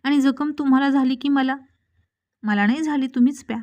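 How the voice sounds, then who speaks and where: A woman's voice: high voice, fairly quick, darkish tone, close to an everyday voice. A woman voicing a young wife who is anxious and devoted to her husband, pleading and worried.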